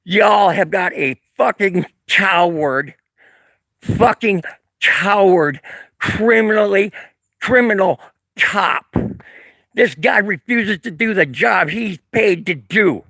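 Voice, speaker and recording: Guy ranting and cussing on a live stream from a street corner, raspy fry in his voice, dry close sound. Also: high-pitched, lively intonation, slow, pushed and bright, no echo. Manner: angry, profane, sarcastic, with chuckles. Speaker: livestreamer filming local police. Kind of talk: live-streamed rant reading chat comments. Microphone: handheld camera.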